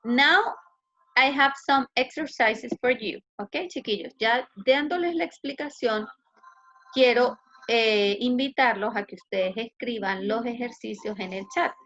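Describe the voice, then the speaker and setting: A woman's voice: a little high, unhurried, a bit bright. A woman with a Chilean Spanish accent, an English teacher explaining grammar patiently in an online class and asking students questions. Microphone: video call. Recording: muffled video call audio.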